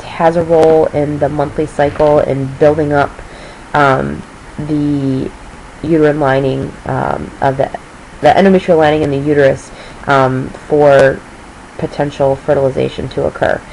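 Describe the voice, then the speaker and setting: A woman teaching a recorded review lesson, her voice sitting low. She is losing her voice as she explains step by step, checking in with a quick "okay?". Faint noise hums under the recording. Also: steady tone, creaky, a little mellow, rough recording.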